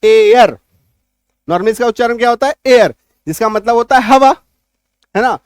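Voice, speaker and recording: A man teaching an English spelling lesson, explaining step by step, spelling words out slowly and loudly, and often asking whether the class is following. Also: very high voice, expressive, dry recording, clean studio sound. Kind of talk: spoken language lesson.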